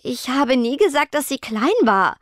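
A woman voicing a shy, nervous teenage ghost girl who speaks softly and stammers. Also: sits high, lively intonation, measured pace, no room sound, clean studio sound, voice pushed up. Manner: soft, stammering, timid.

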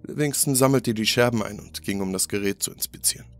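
A man narrating a scripted horror story in a steady, grave storytelling manner. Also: lowish voice, fast talker. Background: faint music.

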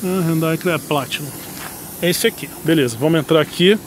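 Higher-pitched Brazilian man vlogging, noisy surroundings. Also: fairly quick. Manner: informal, thinking aloud while he works. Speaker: car reviewer. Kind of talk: casual car vlog. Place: in and around parked cars at an outdoor lot. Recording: clear car and outdoor ambient noise.

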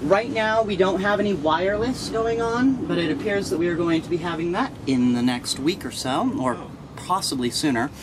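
Young man giving a relaxed outdoor tour. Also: sits high, normal speed. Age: young adult. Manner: relaxed, chatty, laughs easily. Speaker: camp resident giving a tour. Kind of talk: casual guided tour. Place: outdoor protest camp among tents. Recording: outdoor noise behind.

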